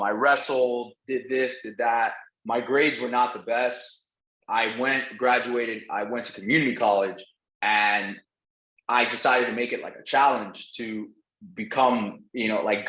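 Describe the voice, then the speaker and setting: A Venezuelan real estate entrepreneur whose first language is Spanish tells his story as a podcast guest, speaking casually with lots of slang and swearing freely. His mid-range, fairly bright voice comes through a roomy, echoing recording.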